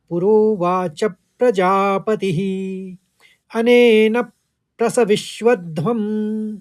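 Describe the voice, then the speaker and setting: A man teaching a Sanskrit verse, chanting it slowly and breaking each word down syllable by syllable in careful pronunciation coaching. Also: on the high side, a little mellow. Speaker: Gita teacher. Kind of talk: recitation lesson with word-by-word explanation.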